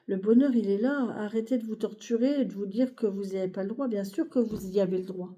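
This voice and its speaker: A woman's voice: mid-range voice, fast talker, dark tone, lo-fi sound. A woman giving a weekly tarot reading to camera, speaking to viewers in a reassuring way and hesitating often with fillers and repeated phrases. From France. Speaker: tarot reader.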